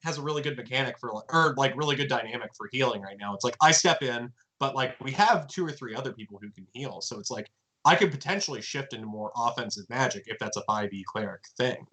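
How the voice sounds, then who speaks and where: A man's voice: mid-range voice, expressive, fast, sharp tone, poor audio. A man player chatting enthusiastically about his character, with loose phrasing. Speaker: tabletop player. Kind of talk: casual chat.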